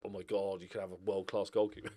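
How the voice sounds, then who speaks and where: Low, warm and fast with a flat delivery, the speaker is a middle-aged British gaming streamer playing a football management game. He thinks aloud through rambling, jokey, casual commentary, swinging from muttering to exclaiming.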